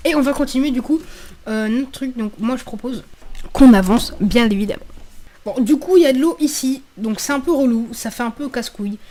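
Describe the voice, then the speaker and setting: A woman's voice: a little high, fairly quick, warm tone. A woman giving casual, slangy let's play commentary, swearing freely and thinking aloud as she repeats her phrases. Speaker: gaming video creator.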